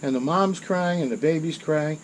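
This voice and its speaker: Speaking at a moderate pace in a fairly high voice, a middle-aged channel host tells a war story in casual, rambling fashion. He corrects himself and intensifies at dramatic moments, and the poor audio has a little hiss or hum.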